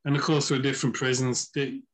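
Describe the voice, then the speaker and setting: In poor audio, a man speaks fast in a mid-range voice with little pitch movement. He's a chess author guesting on a casual podcast, spinning anecdotes and acting out others' quoted words.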